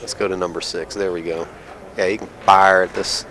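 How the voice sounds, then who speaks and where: A man's voice: deep voice, fairly even intonation, brisk, fairly bright tone, low-quality recording. A man co-commentating a pool match on a live stream, laid-back, bantering with short reactions.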